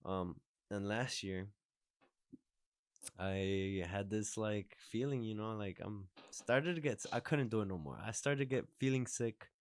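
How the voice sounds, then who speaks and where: Speaking at a measured pace in a voice on the low side, a twenty-something man hosts a podcast in a casual, chatty way. He rambles a bit and frequently restarts sentences.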